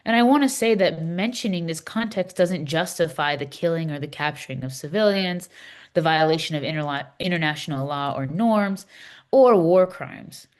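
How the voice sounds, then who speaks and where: In a scripted readers theater dialogue, a woman plays an impassioned Palestinian woman explaining a church document. Her voice is slightly low for a woman and stays near her everyday speaking voice as she argues earnestly in emphatic, declarative statements.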